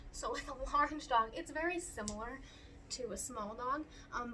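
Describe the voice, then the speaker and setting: A woman's voice: sits high, slight background noise. A young woman at home explaining how to trim a large dog's nails, chatty and out of breath, with many ums. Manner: chatty, lots of ums, talks to her dogs. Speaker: dog groomer demonstrating nail care. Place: at home with dogs.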